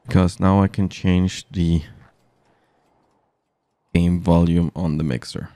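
A man's voice: sits low, steady tone, slow, mellow, no room sound. A man rambling chattily to his viewers during a casual live game stream, speaking into a studio mic through a mixer. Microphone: studio mic through an audio mixer.

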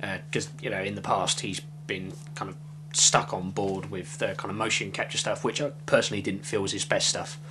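A man's voice: lowish voice, steady tone, brisk, noisy background. A young man reviewing a film to camera in a small room, talking casually with lots of fillers and hedges. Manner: rambling, hedging with fillers, gesturing. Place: small room with shelves of films, indoors. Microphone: webcam at desk.

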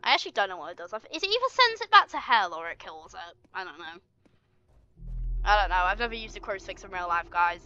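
A woman's voice: mid-range voice, sharp tone, muffled recording. A woman giving casual gameplay commentary, chatty and playful, teasing the game's monsters as she plays. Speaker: gaming channel host.

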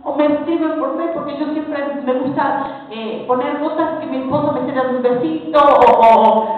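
A woman's voice: sits high, normal speed, slight background noise. A woman with an Argentine accent preaching a fervent sermon, exhorting and addressing the women in front of her directly. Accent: Argentine Spanish. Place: large conference hall. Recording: tinny, echoey hall recording from far off.

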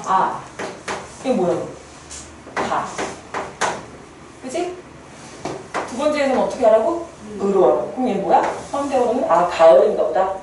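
A woman teacher talks her class through a lesson, tossing questions to the students and answering them herself. Her voice is a little high and swings up and down. The recording is very echoey and distant, with a faint hum of room noise underneath. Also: sing-song, fairly quick. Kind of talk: classroom lecture.

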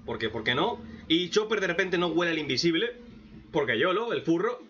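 Bright, lively Spanish man ranting. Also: a little high, brisk, a little hiss or hum. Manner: profane, mocking, with sudden loud outbursts. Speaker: anime reaction youtuber. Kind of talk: sarcastic commentary rant. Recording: dull lo-fi mic.

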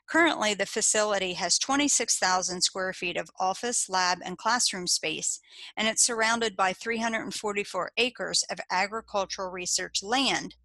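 The dry recording captures an American woman, an extension educator, reading slideshow narration from a script. Her mid-range voice stays steady and informative.

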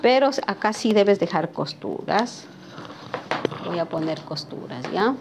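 Woman sewing teacher, gravelly voice, middle pitch, chatty, faint hiss in the room. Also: lively intonation, measured pace. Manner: chatty, talks to viewers by name and asks "¿sí?" often. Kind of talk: live pattern-making lesson. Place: sewing workshop, at a cutting table.

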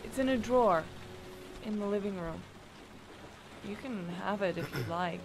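A woman's voice: mid-range voice, moderate pace, background noise, natural voice. A woman acting a fragile, distraught young mother in a video game drama, with stilted, melodramatic line readings. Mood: subdued. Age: young adult.

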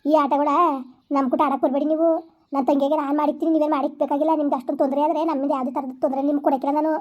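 A fierce young elder sister, played by a woman, rattling off rapid scolding lines. Her high voice has a mellow, darker tone. It is a protective, indignant village-skit role. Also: level tone, lightly acted.

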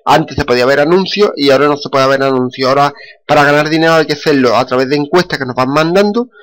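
A man from Spain, speaking with a Spanish accent, casually narrates his screen recording in a fairly high, bright voice at a quick pace. He's repetitive, with lots of fillers and restarts.

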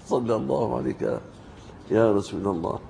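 A man preaching a sermon as an animated storyteller, acting out the people he quotes and rising in pitch to stress points. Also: normal speed, gravelly, a little hiss or hum.

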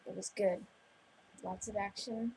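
A teenage girl co-hosting a casual vlog, speaking in short, low-key remarks. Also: fairly even intonation, a little slow, vocal fry, noisy background. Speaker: vlog co-host. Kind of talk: casual chat.

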